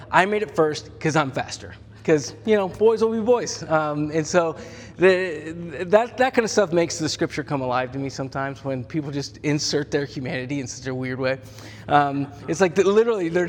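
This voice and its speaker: A male pastor speaking in a slightly high voice that sounds casual and chatty while he tells a scripture story with jokes and quick character voices. His sermon rings out with a long reverb from the church hall around him. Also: slight background noise. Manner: conversational, humorous storytelling with acted-out voices.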